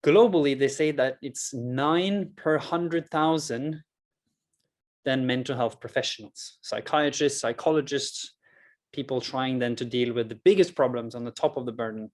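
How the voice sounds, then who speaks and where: Speaking with medium pitch, this public speaker and mental health project founder pauses deliberately for emphasis as he presents earnestly and personally. He is in his thirties, comes from rural Norway, and speaks English with a Norwegian accent.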